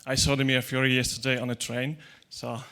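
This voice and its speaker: Fast and flat, a man's medium-pitched voice sounds pushed and bright as he gives a tech talk. Before an audience in a large dark conference hall, he speaks into a handheld mic, chatty and joking, with hesitant restarts and non-native grammar.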